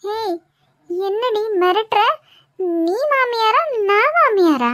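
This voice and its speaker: A woman's voice: extremely high pitch, a little slow, no echo, clean studio sound. A woman voicing a fussy, stubborn middle-aged mother-in-law in a cartoon, speaking with a Kanyakumari Tamil accent in a whiny, protesting way. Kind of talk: cartoon voice acting.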